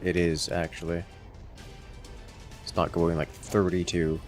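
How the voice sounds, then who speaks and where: Deep, gravelly man calling out game info. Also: level tone, a little slow, darkish tone, faint music behind. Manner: dry, matter-of-fact callouts. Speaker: co-player. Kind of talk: casual gaming chat.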